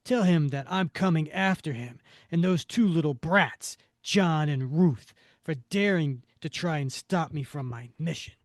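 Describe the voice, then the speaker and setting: A man's voice: on the high side, measured pace, dry recording, studio quality, lightly acted. A man voicing a gloating asthma monster villain with grandiose, theatrical speech.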